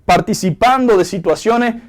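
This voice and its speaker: High-voiced Venezuelan pastor preaching. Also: male voice, normal speed. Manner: earnest, preacherly, addresses the congregation directly. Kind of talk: sermon.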